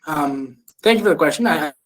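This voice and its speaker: A man's voice: a little high, expressive, a little fast, a bit bright, low-quality recording. A young man from Venezuela speaking as a panel guest over a video call, hesitant, with many ums and restarts. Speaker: panel guest, chapter treasurer. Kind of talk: casual panel talk.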